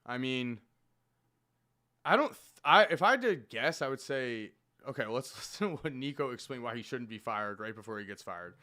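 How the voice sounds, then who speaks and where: A man hosting a live reaction stream, talking excitedly and jumping between topics. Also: mid-range voice, normal speed. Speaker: livestream host reacting to news. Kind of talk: casual live reaction commentary.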